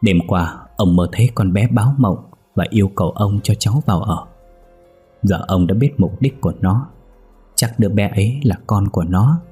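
A somber old man speaking heavily and slowly, as a male narrator puts him on. The voice is deep, dark and husky. It is a spoken horror story with faint music underneath. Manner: slow, heavy, somber. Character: old man, grave and sorrowful.

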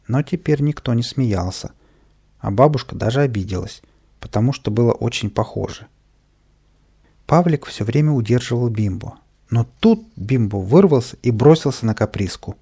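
A man narrating a children's storybook at a steady, even pace. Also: medium pitch, normal speed, breathy edge. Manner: steady and even-paced, with lively voiced dialogue. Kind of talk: storybook reading.

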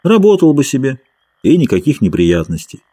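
A man voicing a tired, quiet male ranch worker who talks in a flat, low-key way in an audiobook reading. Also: moderate pace, husky. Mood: weary. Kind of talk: audiobook character voice.

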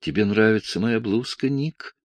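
A man reading aloud and voicing a timid but brave middle-aged woman who speaks gently and hesitantly. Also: on the low side, moderate pace, no echo, voice pushed up, lightly acted.

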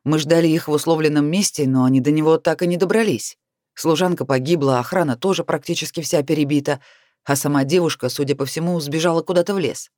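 A man's voice: a little high, quick pace, darkish tone, dry recording, studio quality, lightly acted. A man doing a worried guard captain. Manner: anxious, explaining. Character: male guard captain reporting to his lord.

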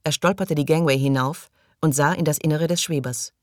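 A man narrating a science-fiction audiobook in a measured reading style, dropping quieter at tense moments. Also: fairly high pitch, fairly even intonation, no room sound, clean studio sound. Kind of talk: scripted narration.

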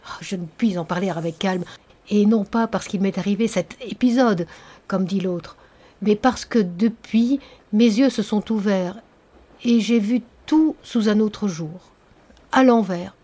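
A bitter middle-aged nobleman, read by a woman narrator, confesses in a storybook audiobook. His voice is mellow and dark-toned, brooding and intense, and he presses his words with a tormented edge. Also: medium pitch, natural voice. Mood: agitated. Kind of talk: audiobook reading of a novel.

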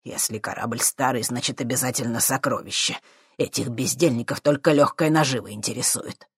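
A man voicing a haughty, irritable male professor in an audiobook, gruff and scornful. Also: mid-range voice, unhurried, no room sound, clean studio sound.

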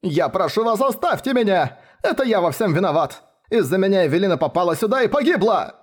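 A man's voice: fairly high pitch, very animated, brisk, breathy edge, pitched above the performer's own voice. A man voicing an overwrought young male detective who whines and pleads dramatically. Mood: whining. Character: melodramatic young male detective, wounded, whining.

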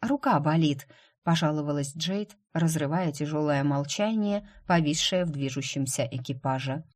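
Woman reading an audiobook, low voice, steady even narration. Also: moderate pace. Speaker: audiobook reader. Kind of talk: scripted narration.

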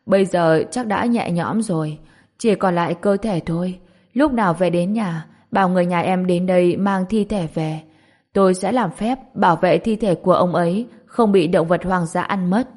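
A woman's voice: on the low side, normal speed, darkish tone, close to an everyday voice. A woman voicing a cold, curt underworld lord. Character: cold, haughty male ruler of the underworld. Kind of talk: audiobook character voice.

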